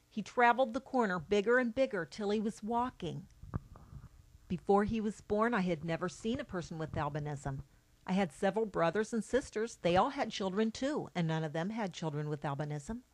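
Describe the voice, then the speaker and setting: Mother reading a steady personal account. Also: mid-range voice, normal speed. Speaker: mother of a child with albinism. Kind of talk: read-aloud personal account.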